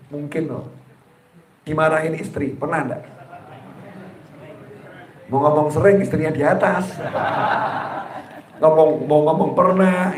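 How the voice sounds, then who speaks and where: A man preaching to a live crowd in a roomy, echoing hall. His voice sits a little high for a man, and he keeps it light and jokey, speaking right at his listeners. He often splits a word across a pause before finishing it. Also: a little mellow. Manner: jokey, addresses the audience directly, acts out quoted people; breaks words across pauses, then finishes them. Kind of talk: humorous religious sermon to a live audience. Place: gathering hall with a live audience.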